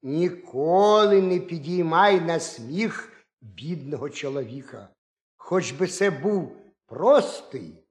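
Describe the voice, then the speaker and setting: A man narrating a folk tale for children in an expressive, lively way. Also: fairly high pitch, slow pace. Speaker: storyteller. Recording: roomy echo.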